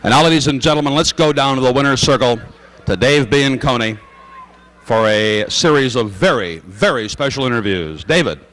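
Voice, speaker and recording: A man's voice: mid-range voice, normal speed, a bit bright. A man announcing at a horse racetrack in a formal, projecting way, reading results and payouts over the public-address microphone.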